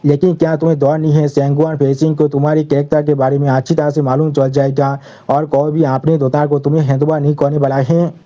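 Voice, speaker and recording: A man's voice: fairly high pitch, fast, highs cut off, close to an everyday voice. A man reading a cold old demonic cultivator. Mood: cold mocking. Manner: calm and taunting.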